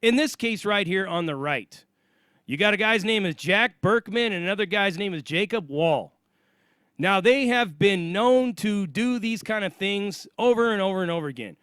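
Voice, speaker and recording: Blunt American man, high-pitched voice. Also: fairly bright tone, clear, resonant tone, no room sound, studio quality. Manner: blunt, emphatic, profane. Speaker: online commentator. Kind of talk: opinionated casual monologue.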